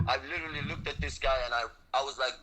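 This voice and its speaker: A man's voice: mid-range voice, fairly even intonation, very fast, pushed and bright, a little hiss or hum, rough recording. A young man from Sweden, a frontline fighter talking as an interview guest, intense and blunt, swearing and saying "man" and "bro" all the time. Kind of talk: impassioned interview talk.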